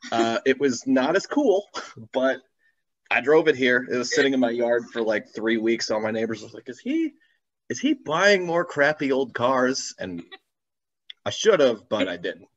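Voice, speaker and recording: This guest on a video call is a car enthusiast who makes YouTube videos, and he drifts through casual stories with self-deprecating humor. His mid-range voice swings widely in pitch while keeping a measured pace. The call audio is slightly dull.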